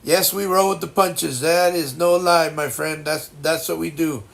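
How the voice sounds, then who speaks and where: A man in his sixties chatting casually as a livestream host, with a blocked-nose sound and a halting, reflective, folksy way of reassuring people. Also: fairly high pitch, fairly even intonation, vocal fry. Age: 60s. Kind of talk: casual chat.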